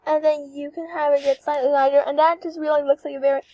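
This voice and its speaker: Young woman host, high chatty voice, eager walkthrough tone, dry close mic. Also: fast, no room sound, low-quality recording. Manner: chatty, excitable, apologetic asides. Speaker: channel host reviewing avatar creators. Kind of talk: casual screen-recording walkthrough.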